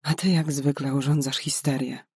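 A man's voice: mid-range voice, little pitch movement, normal speed, a little mellow, husky, dry recording, clean studio sound. A man voicing a cold, sarcastic old male head doctor in an audiobook, with a cutting manner. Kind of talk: audiobook character voice.

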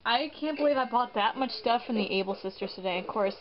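A woman's voice: fairly high pitch, fast talker, noisy background. A woman hosting a gaming video in casual, rambling commentary, often poking fun at herself. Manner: chatty, rambling, self-mocking. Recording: muffled, with game music behind.

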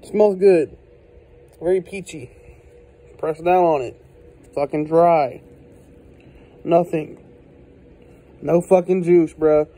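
Man, slightly high pitch, mellow tone, blunt, profane, exasperated, casual phone-recorded review, indoors. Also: fairly even intonation, slow pace, pauses often. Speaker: product reviewer. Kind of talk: casual handheld video rant. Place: indoors at a desk. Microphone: handheld phone.

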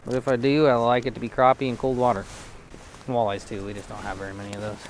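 A man's voice: mid-range voice, level tone, quick pace, slight background noise. A man hosting a fishing vlog outdoors on a frozen lake, talking in a laid-back, chatty, jokey way into a body-mounted camera. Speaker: fishing channel host. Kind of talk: casual outdoor vlog narration. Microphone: body-mounted action camera.

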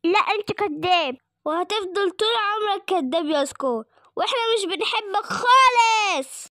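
A woman playing a whiny, defiant little dog boy in a kids' cartoon, egyptian accent, squeaky high and dry. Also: lively intonation, fairly quick, no room sound. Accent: Egyptian Arabic.

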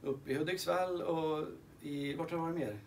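A man's voice: a little high, fairly even intonation, a little hiss or hum. Hesitant man hosting a live sing-along. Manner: hesitant, many fillers and restarts. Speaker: sing-along host and guitarist. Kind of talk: casual live-stream chat. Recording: guitar playing behind voice. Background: guitar music.

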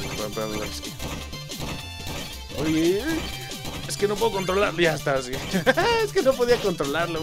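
A man with a Mexican Spanish accent giving excitable, joking let's-play commentary and swearing often. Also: a little high. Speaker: gaming YouTuber. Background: game music.

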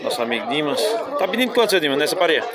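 Man, cattle fair vlogger, fast and lively, loud crowd around. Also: on the high side. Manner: lively, asking sellers prices and repeating them. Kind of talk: walkabout video commentary. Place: outdoor cattle pens at a livestock fair. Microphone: handheld camera mic. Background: busy fair crowd chatter.

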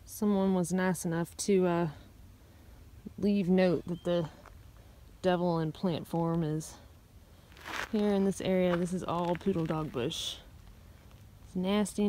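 A young woman films herself hiking and chats easily into a phone held at arm's length. She talks in a relaxed, rambling way with lots of fillers. The outdoor recording carries clear background noise. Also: medium pitch. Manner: relaxed, chatty, with many fillers. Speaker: thru-hiker vlogger. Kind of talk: casual hiking vlog. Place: outdoors on a mountain trail.

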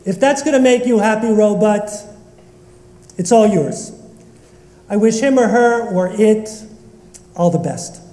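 A man's voice: sits high, a little slow, pauses often, dark tone. A man from Northeast Philadelphia giving a sermon as a rabbi, joking and bantering with his congregation in a synagogue sanctuary. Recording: echoey hall reverb.

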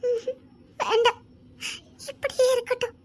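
A timid young heroine in a romantic audio drama, acted by a woman, with an extremely high, girlish voice. She is stubborn at first and then fearful, and she talks in a soft, pleading, tearful way. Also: flat delivery, moderate pace. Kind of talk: amateur audio drama acting.

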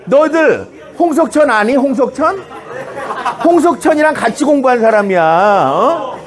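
A middle-aged man delivering a comedy lecture to high schoolers, his voice pitched high for a man and swinging widely in tone. His delivery is teasing and punchy, and he keeps tossing out "어?" to fish for the students' reaction. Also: animated, moderate pace, crowd noise. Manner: breaks into shouted examples and squeaky student impressions.

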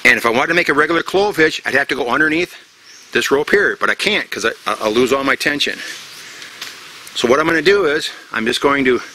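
In this casual outdoor demo, a middle-aged man who teaches bushcraft walks through tying a knot in a tropical forest, repeating himself in plain language. He speaks at a fairly quick pace with a medium-pitched, expressive voice that sounds pushed and bright. A little hiss or hum sits under the audio.

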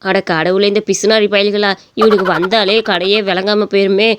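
A woman's voice: medium pitch, little pitch movement, normal speed, very noisy, lightly acted. A woman voicing a grumpy old shopkeeper woman who grumbles and curses at customers. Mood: grumbling. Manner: grumbling, cursing complaints.

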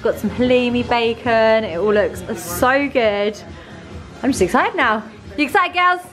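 A British woman in her twenties chatting casually and excitably to a handheld vlog camera at a hen party. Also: on the high side, measured pace. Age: 20s. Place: busy bars and a house kitchen. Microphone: handheld camera at arm's length. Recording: loud music and party crowd behind.

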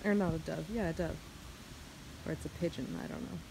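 A woman's voice: low voice, brisk, vocal fry. A young woman in her twenties chatting casually to her camera in a vlog, laughing easily. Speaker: vlogger. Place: home and outdoors in hot weather. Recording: noisy handheld camera audio.

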